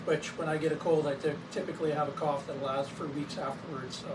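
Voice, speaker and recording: Talking fast, a wellness clinic owner with a hoarse, post-cold voice explains his clinic's equipment to camera in a relaxed, teaching tone. He pitches a little high, leans on lots of fillers, and coughs between sentences. He sounds far from the mic, over constant noise.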